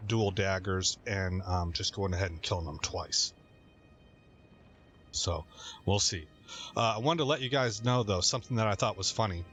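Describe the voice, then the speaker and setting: A man's voice: on the low side, a bit bright, slight background noise. A man hosting a gaming channel, giving rambling, chatty commentary while he plays and laughing at his own stories. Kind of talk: casual game commentary.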